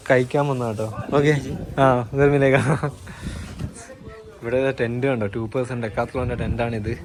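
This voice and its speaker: A man travel vlogger casually narrating outdoors while walking through hills and a market, chatty and guiding viewers. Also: mid-range voice. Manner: chatty, guiding viewers, often tags sentences with "you know". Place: outdoors on a tea estate, hills and a village market.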